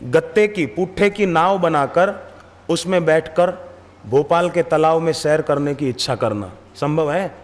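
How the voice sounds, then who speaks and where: A man giving a devotional sermon, speaking slowly and emphatically, asking rhetorical questions and telling stories. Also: fairly high pitch, long reverb tail. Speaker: spiritual preacher.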